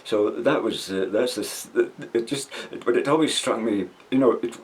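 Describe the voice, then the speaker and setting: A man's voice: mid-range voice, normal speed, darkish tone. A man in his eighties recalling his army days in a casual, wry, rambling way, chuckling now and then. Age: 80s. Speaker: veteran recounting memories. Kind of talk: casual spoken reminiscence.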